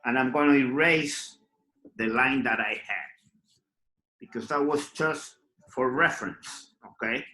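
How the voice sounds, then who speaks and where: A man teaching an online drawing class, talking slowly and patiently and often checking in with "okay?". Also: medium pitch, sharp tone, echoey room, low-quality recording. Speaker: art teacher.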